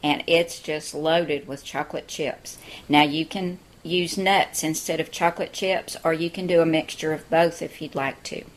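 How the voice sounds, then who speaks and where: A woman's voice: deep voice, steady tone, moderate pace. A woman hosting a cooking show from her home kitchen, chatting through a recipe step by step. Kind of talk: friendly cooking demonstration.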